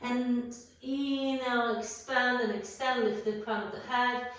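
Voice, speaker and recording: A woman teaching a guided yoga class, calmly cueing breaths and poses, a little out of breath from moving while she talks. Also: on the high side, unhurried. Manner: calm cueing of breath and poses, playful asides. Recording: roomy echo, voice far from the mic.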